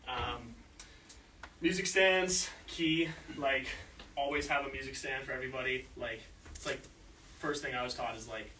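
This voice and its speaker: A studio engineer shows people around a recording studio at a moderate pace, with a bright, forceful, mid-range voice. He explains casually and rambles, using many filler words. The mic is at a distance, so the sound is roomy, with slight background noise.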